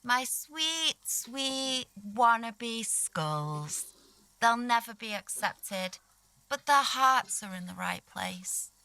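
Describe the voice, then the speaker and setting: Dreamy secretive painter from a game, slow, bright, teasing. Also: female voice, a little high, expressive, heavily acted, poor audio. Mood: fond, teasing. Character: wistful, secretive woman mural painter. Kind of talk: video game voice acting.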